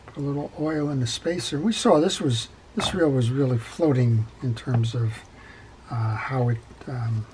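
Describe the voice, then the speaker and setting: A middle-aged man with an ordinary mid-range voice talks through a repair tutorial in a calm, practical way, pausing on fillers while his hands are busy. Clear clicks and clatter of small tools and parts run under his voice at the workbench. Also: mid-range voice, a little hiss or hum, poor audio. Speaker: fishing reel repair instructor. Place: workshop bench.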